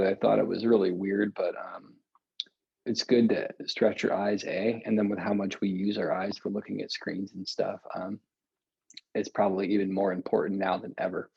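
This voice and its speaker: Calm male breathwork guide, unhurried and low, husky grain, dull lo-fi home recording. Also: dry recording. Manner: slow, calm, relaxed with casual asides. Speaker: meditation and yoga guide. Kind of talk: guided breathing and stretching instruction. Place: home, seated on a meditation cushion.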